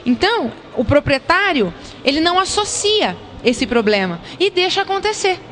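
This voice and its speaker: A woman's voice: extremely high pitch, sing-song, normal speed, fairly bright tone. A young woman veterinarian answering interview questions into a handheld mic indoors, often restarting her sentences. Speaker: veterinarian speaker. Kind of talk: on-camera interview. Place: indoor hall.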